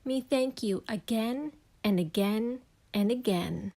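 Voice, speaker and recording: A woman voicing an excitable, kindly male cookie-loving monster from a children's storybook, with simple childlike exclamations. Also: a little high, takes it slowly, vocal fry, full character voice. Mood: hopeful, grateful.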